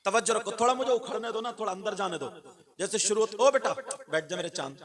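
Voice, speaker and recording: A male preacher giving an impassioned sermon to a gathering, moving between loud chanted exclamations and quick chuckling asides. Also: sits high. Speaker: Islamic preacher. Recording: crowd noise from a live gathering.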